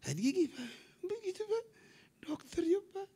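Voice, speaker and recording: A man's voice: extremely high pitch, sing-song, normal speed, warm tone, voice pushed up, exaggerated voice. A man voicing his worried wife, who fusses over her sick husband in a pleading way.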